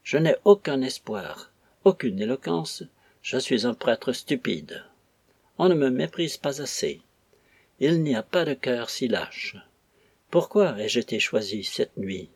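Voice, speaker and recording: A man's voice: medium pitch, lively intonation, slow, breathy edge, no echo, heavily acted. A man reading a novel aloud, voicing an old, clumsy country priest who pleads with fervent anguish. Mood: anguished pleading. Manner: pleading, impassioned outbursts. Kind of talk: audiobook reading.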